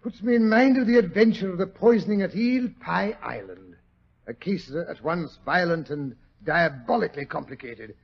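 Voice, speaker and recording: An actor playing a jovial, blustery old English doctor with a British accent and fussy, old-fashioned manner, in 1940s radio drama style. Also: male voice, sits high, moderate pace, creaky, husky, exaggerated voice. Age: older. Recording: dull, lo-fi 1940s radio recording.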